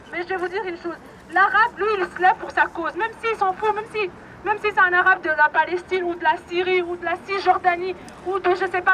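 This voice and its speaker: A woman with a very high voice gives a blunt, scolding speech at an open-air rally. She exhorts her listeners frankly and without softening her words. A crowd murmurs clearly behind her, over a bed of street noise. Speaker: rally speaker.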